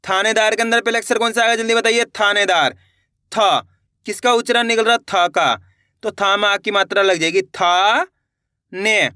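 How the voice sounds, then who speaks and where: A man teaching Hindi spelling step by step, asking questions and answering them himself, and drawing out each word slowly as he sounds it out. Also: sits high, bright, forceful tone, clean tone, dry recording, studio quality. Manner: repetitive, asks and answers his own questions; stretches out words slowly when sounding them out.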